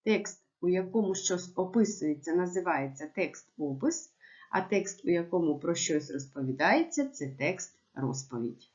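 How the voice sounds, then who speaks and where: A woman teacher giving a remote lesson to young pupils, with clear, measured instructions. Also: on the low side, expressive, muffled recording. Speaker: primary school teacher.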